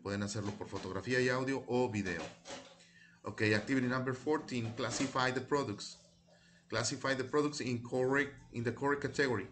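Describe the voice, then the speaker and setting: A man teaching a recorded English lesson, slowly reading words aloud and repeating each one for students to copy. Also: mid-range voice, a bit bright. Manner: slow, deliberate, repeats each word for students.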